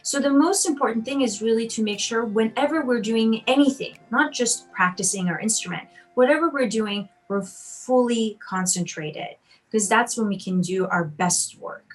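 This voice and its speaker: A woman's voice: on the high side, moderate pace, rough recording. Encouraging woman pianist answering questions. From Austria. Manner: warm, encouraging, many ums and you-knows. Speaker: piano teacher and competition judge. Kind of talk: answering interview questions on a video call.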